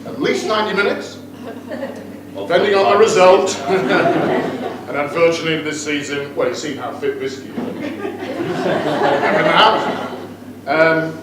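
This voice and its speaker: A man's voice: on the high side, big pitch swings, a little slow, long pauses. A middle-aged man giving a joking, teasing wedding toast as father of the groom. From United Kingdom. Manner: teasing, joking, playful asides to guests. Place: wedding reception room with guests. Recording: very echoey room, far off, noisy.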